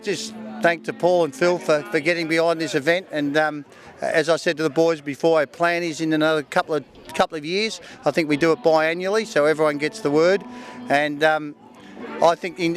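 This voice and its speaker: An Australian man gives an informal thank-you speech as an event promoter. His voice sits a little high, with faint music behind it. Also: fairly even intonation, brisk.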